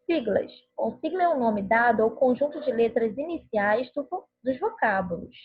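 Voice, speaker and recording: A woman's voice: on the high side, animated, moderate pace. A woman teacher giving a recorded grammar lesson, explaining patiently and often checking in with her listeners. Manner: patient, explanatory, frequent tag questions. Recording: narrow phone-like audio, slightly husky.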